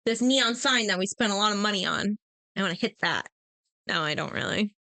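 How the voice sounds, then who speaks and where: Animated, bright-voiced woman podcaster. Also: mid-range voice, fairly quick, no echo. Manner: blunt, animated, swears freely. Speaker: podcast co-host. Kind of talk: casual chat.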